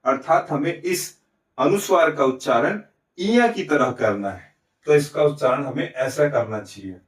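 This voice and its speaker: A man's voice: mid-range voice, measured pace. Man teaching Hindi grammar, echoey room. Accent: Chhattisgarh Hindi. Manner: explains step by step, asks and answers his own questions; often adds "ठीक है?" and "है ना?" to check understanding. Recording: echoey room, recorded from a distance.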